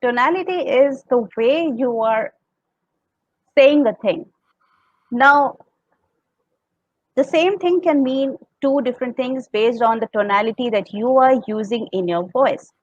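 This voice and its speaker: A woman's voice: on the high side, a little slow, long pauses, dry recording, dull audio. A woman with an Indian accent, teaching a talk on public speaking. She explains step by step and acts out tones as examples. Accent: Indian English. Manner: explains step by step, demonstrates tones and laughs often.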